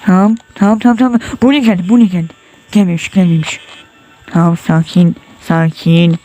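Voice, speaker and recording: A gamer, sweating and on edge, plays a horror title while talking in a high, warm voice at a brisk, steady pace. He mutters prayers and exclamations under his breath and yelps at sudden frights, clearly tense and jumpy.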